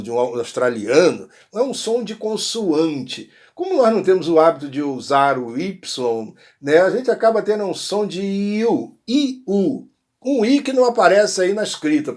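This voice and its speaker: Brazilian man teaching English pronunciation. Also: fairly high pitch. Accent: Brazilian Portuguese. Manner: slow, drawn-out English model phrases, frequent check-ins. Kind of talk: explanatory language lesson.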